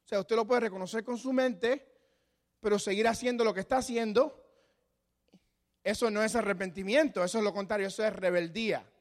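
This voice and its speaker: A man's voice: high-pitched, brisk. A man preaching a sermon as pastor, dynamic and acting out voices of imagined people. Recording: long hall reverb.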